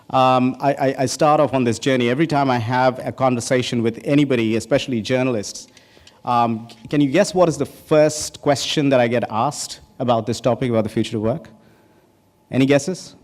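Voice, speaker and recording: A keynote speaker from India in his forties opens a conference from a large hall stage, speaking into a podium microphone in a mid-range, slightly mellow voice. He's casual and conversational, joking with the audience amid many ums and restarts, and the hall is reverberant.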